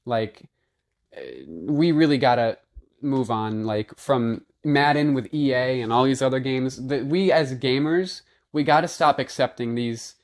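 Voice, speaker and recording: A man recorded on a phone's built-in microphone, giving a fired-up, blunt off-the-cuff rant as a gaming video maker and repeating himself. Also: medium pitch.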